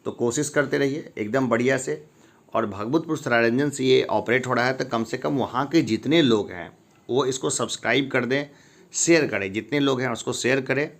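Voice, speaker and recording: A man takes learners through a grammar lesson in an easygoing way. He reads each wrong form aloud, asks his listeners what the right one should be, and answers himself. His voice sits at an ordinary middle pitch. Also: moderate pace. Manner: reads each wrong form and then the correct one, asking rhetorical questions. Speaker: Hindi grammar teacher. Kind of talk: informal spoken lesson.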